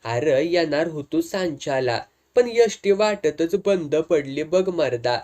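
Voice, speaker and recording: A man's voice: fairly high pitch, animated, slow pace, a little mellow. A man voicing a talkative, easygoing village man who speaks in homely rural dialect in a storybook tale. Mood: casual. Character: chatty rustic male villager, easygoing.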